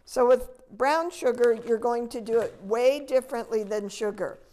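A woman's voice: on the high side, normal speed, dark tone. An older woman giving a patient, step-by-step cooking demonstration in a large demo kitchen, filmed from a distance. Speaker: extension educator.

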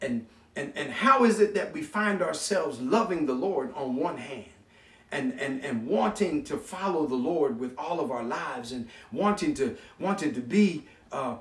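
Male pastor, impassioned sermon with call-and-response, high and animated voice, mic off at a distance in an echoey church. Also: measured pace. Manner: impassioned preaching with call-and-response and repeated words. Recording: echoey room, mic from far off.

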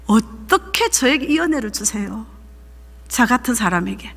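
A woman's voice: on the high side, sing-song, normal speed, creaky. A woman, a pastor's wife giving an emphatic, fervent sermon testimony. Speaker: pastor's wife leading a seminar. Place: church sanctuary. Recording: echoey church hall.

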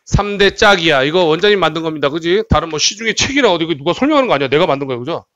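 A man's voice: a little high, lively intonation, very fast, a bit bright, no echo, dull audio. A man teaching English grammar at a cram school, reading English sentences aloud and translating them while checking students with tag questions. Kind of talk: exam-prep grammar lecture.

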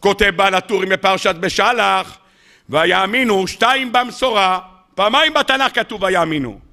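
Animated rabbi with a high, bright voice. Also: male voice. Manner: animated, rhetorical questions to the audience; humorous, acts out scenes. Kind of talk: weekly Torah sermon.

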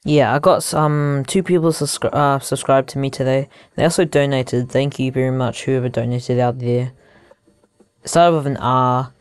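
A young man giving casual gameplay commentary into headphones used as a mic, haltingly thinking aloud as he goes. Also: mid-range voice, flat delivery, clear, resonant tone, no echo. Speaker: gaming YouTuber.

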